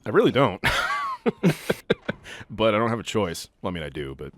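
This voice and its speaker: A man's voice: fairly low pitch, sing-song, normal speed, no echo. A man in his thirties chatting casually while playing a game, rambling and interrupting himself, swearing offhand. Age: 30s. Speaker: let's play host. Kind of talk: casual gameplay chat.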